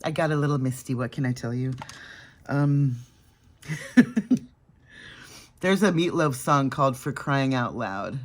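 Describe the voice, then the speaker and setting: A woman chatting casually to her viewers while doing her makeup, laughing often and dropping into soft asides. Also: rumbling low, moderate pace. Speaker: makeup vlogger. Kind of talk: casual makeup vlog chat.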